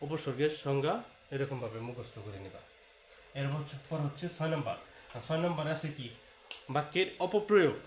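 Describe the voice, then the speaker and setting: Echoey teacher lecturing. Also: male voice, mid-range voice. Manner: repetitive, talks straight to students, sprinkles English words. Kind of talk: exam-prep lecture. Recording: echoey room with faint hiss.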